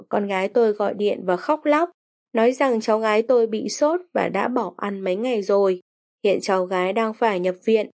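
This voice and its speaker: An older woman from China calmly and earnestly reading a first-person testimony as scripted narration. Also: medium pitch.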